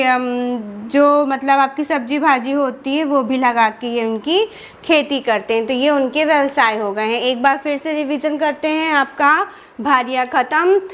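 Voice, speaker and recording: In this exam-prep lesson, the teacher, a woman with an Indian Hindi accent, speaks with a high-sitting, fairly bright voice. It's a classroom lecture built on repetition and revision: she poses questions, answers them herself, and keeps coming back to key terms.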